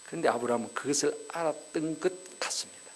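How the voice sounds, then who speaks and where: A man's voice: on the high side, fast talker, a little hiss or hum, low-quality recording. A male pastor delivering a revival sermon, telling stories and asking the congregation rhetorical questions. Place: church sanctuary.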